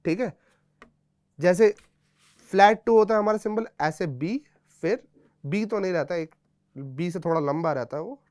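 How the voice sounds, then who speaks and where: A man's voice: high-pitched, unhurried, pauses often, a little mellow, no room sound. A man teaching a guitar theory lesson, explaining patiently step by step and checking in with his students often.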